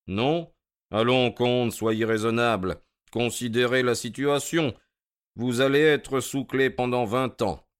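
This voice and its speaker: A self-assured detective, cool and ironic, played by a man who speaks with calm, methodical needling. His voice is smooth and resonant. He delivers in a radio drama manner. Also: medium pitch, takes it slowly, natural voice.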